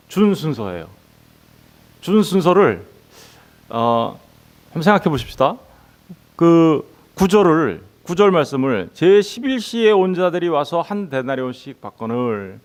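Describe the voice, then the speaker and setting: A male pastor delivers a sermon in a fairly high, very animated voice at normal speed. He repeatedly asks his congregation rhetorical questions and acts out the workers' lines in quoted voices.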